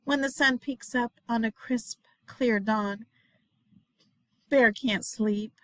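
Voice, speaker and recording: A woman reading a children's picture book aloud in a dramatic, expressive way, dropping into hushed refrains. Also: fairly high pitch, slow, no echo, rough recording. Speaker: storybook reader, teacher.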